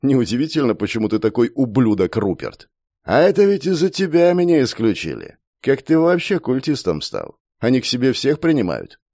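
A man's voice: mid-range voice, huge pitch swings, moderate pace, mellow, no room sound, clean studio sound. A man voicing a cruel young man who taunts and threatens his captive in a sneering tone.

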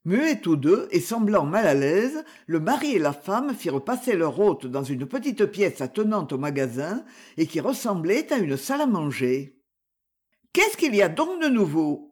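A narrator reading a mystery novel aloud in an expressive, scripted style. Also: mid-range voice, normal speed, husky. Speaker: audiobook narrator.

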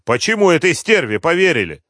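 A man's voice: medium pitch, very animated, normal speed, fairly bright tone, dry recording, clean studio sound, voice pushed up. A man voicing a brutal, violent thug in an audiobook, snarling and smug. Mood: gloating.

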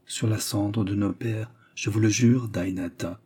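Pleading nobleman, fervent bursts, mellow dark voice, read by a man. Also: fairly low pitch, steady tone, measured pace, breathy edge. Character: tender, passionate nobleman, a marquis.

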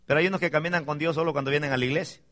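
A man's voice: on the high side, fairly even intonation, very fast, fairly bright tone. A man preaching a sermon as pastor, emphatic, often calling out for amens and asking the congregation questions.

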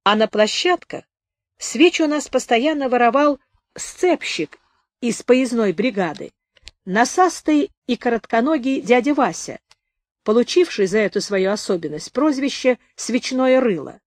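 A woman narrating a memoir audiobook in a calm, even literary reading. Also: fairly high pitch, measured pace, dry recording, studio quality.

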